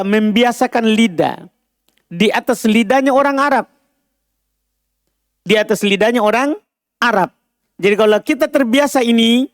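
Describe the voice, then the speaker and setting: A man's voice: sits high, no room sound, studio quality. A man teaching an Arabic lesson, explaining patiently and often checking whether students understand. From Indonesia. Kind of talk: classroom lesson.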